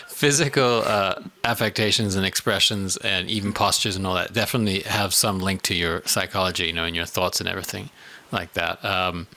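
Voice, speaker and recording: A man's voice: sits low, steady tone, moderate pace, pushed and bright, slight background noise. A South African man co-hosting a casual studio podcast, talking in a thoughtful, rambling way full of "you know"s. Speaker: podcast co-host.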